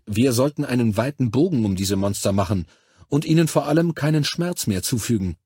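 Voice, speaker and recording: A man reading a calm, clinical army medic. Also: mid-range voice, a little fast, breathy edge, no room sound, studio quality, voice pushed up. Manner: clinical, matter-of-fact explaining. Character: composed male army medic examining alien bodies.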